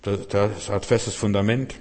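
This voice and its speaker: A male pastor, preaching a sermon and rising loud on key phrases. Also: fairly low pitch, steady tone, measured pace. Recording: long hall reverb.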